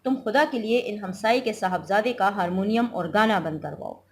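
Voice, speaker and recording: A woman's voice: medium pitch, moderate pace, a little hiss or hum, close to an everyday voice. A woman teacher reading the lines of a sick, irritable middle-aged husband from a play, in a peevish, complaining way.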